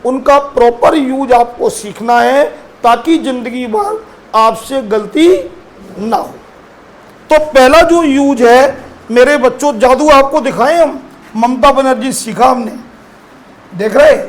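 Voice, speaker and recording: High-voiced male teacher, slow and coaxing. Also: low-quality recording. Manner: addresses students as children, asks them questions. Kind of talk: classroom lesson on English grammar.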